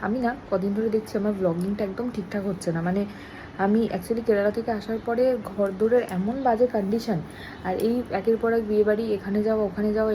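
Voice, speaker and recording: A young woman, chatting casually to camera in a home vlog. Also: noisy background. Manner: chatty, switches into high sing-song baby talk with her daughter. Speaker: vlogger.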